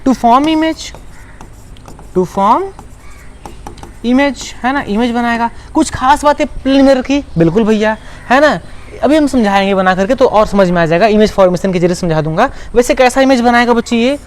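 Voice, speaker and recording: A man's voice: very high-pitched, normal speed. A male teacher giving an online class lecture. He asks his students questions, answers them himself, and repeats key words to make them stick.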